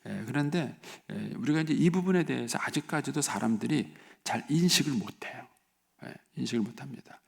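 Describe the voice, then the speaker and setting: Gravelly-voiced man preaching casually. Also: mid-range voice, lively intonation, a little fast, a little mellow. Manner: conversational, many filler words. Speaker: pastor. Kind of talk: sermon at a dawn prayer service. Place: church. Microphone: live-stream recording.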